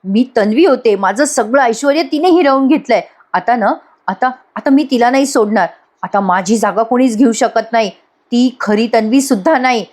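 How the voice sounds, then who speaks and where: A woman's voice: moderate pace, a little mellow, close to an everyday voice. A woman voicing an angry, scheming young woman in jail who rants bitter threats. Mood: ranting vengeful. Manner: shrill ranting, bitter threats.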